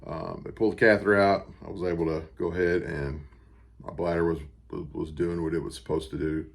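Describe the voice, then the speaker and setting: Speaking casually to a camera on a stand lit by a ring light, a deep-voiced American man gives a personal update as he recovers from surgery. His flat, creaky delivery is plain-spoken and unhurried, a little halting, and he pauses to gather each next thought.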